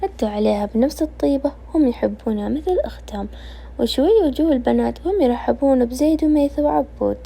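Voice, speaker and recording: A woman with a Najdi Saudi accent, reading a novel aloud in a quick conversational storytelling way. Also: sits high, creaky, dark tone, husky. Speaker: narrator.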